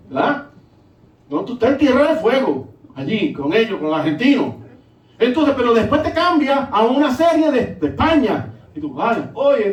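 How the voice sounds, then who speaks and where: Pastor, male, middle-aged; lilting, animated sermon delivery; echoey sanctuary, picked up from a distance. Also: sits high. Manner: sing-song, animated preaching with rhetorical questions. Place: church sanctuary. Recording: echoey church hall, mic at a distance.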